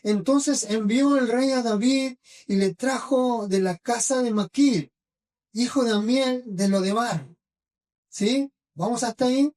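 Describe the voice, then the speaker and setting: A woman with a Rioplatense accent delivers a sermon in a church, her voice set high and unhurried. She tells the scripture story piece by piece, pausing with fillers, and keeps asking the congregation short check-in questions. The mic sits some distance from her. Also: darkish tone. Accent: Rioplatense Spanish. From Argentina. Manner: retells scripture slowly, with pauses and fillers. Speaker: preacher. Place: church hall.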